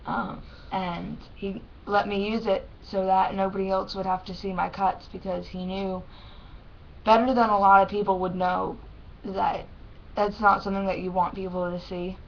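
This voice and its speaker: A young adult woman with a lisp and thick, swollen-tongue speech, talking haltingly and plainly in a casual personal vlog. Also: medium pitch, little pitch movement, gravelly. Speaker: vlogger. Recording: dull lo-fi sound with faint noise.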